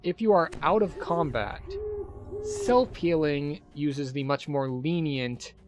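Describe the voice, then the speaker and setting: A man's voice: on the high side, slow pace. A man giving casual commentary while he plays a video game. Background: game music.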